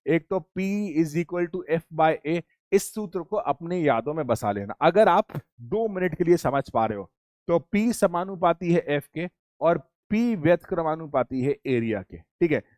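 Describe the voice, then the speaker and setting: Dry, higher-pitched male physics teacher. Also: big pitch swings, measured pace, a little mellow, no echo. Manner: repetitive, quizzing students with call-and-response questions; addresses students as beta and bachhe. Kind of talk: online class lecture.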